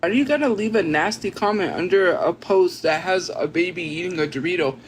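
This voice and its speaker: A woman's voice: on the low side, lively intonation, fairly quick, a little hiss or hum. A woman streamer chatting casually with her viewers and reacting to their comments. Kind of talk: casual livestream chat.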